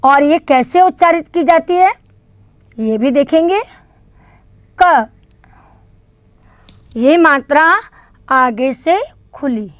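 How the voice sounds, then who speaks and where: Slow, patient high-voiced woman teacher. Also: expressive. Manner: slow, patient, repeats each sound for children to echo. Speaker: kindergarten teacher. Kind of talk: online lesson teaching Hindi vowel signs.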